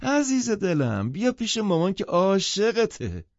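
A man's voice: high voice, huge pitch swings, dry recording, lo-fi sound, pitched above the performer's own voice, full character voice. A male narrator voicing a gushing, flighty young mother in an audiobook, cooing and drawing out her words. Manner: cooing, drawn-out. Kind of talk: audiobook character voice.

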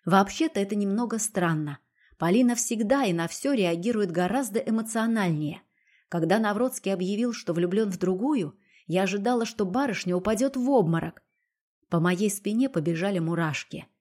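A woman narrating a novel in the first person with an even, expressive reading. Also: mid-range voice, moderate pace. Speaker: audiobook reader.

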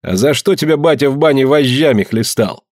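A man reading a story, voicing a defiant young peasant woman who answers with sharp, biting retorts. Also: mid-range voice, animated, brisk, dry recording, clean studio sound, voice pushed up, close to an everyday voice.

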